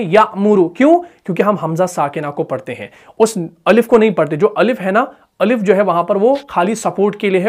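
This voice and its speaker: A high-voiced man with a Pakistani Urdu accent gives a tajweed lesson on Quran recitation. He poses questions and answers them himself, drawing the example words out slowly.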